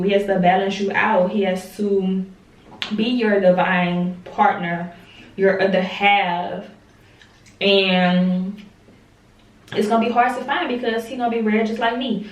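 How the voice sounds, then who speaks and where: A young woman, talking candidly to camera in a casual vlog, swearing freely and drawing out her words. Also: medium pitch. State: talking with a lozenge in her mouth. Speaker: vlogger. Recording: roomy and distant with faint noise.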